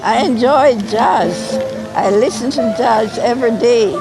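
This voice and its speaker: Slow, measured, high-voiced woman. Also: gravelly, over music, low-quality recording. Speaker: concertgoer interviewed. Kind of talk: vox-pop interview. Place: outdoor concert in a garden.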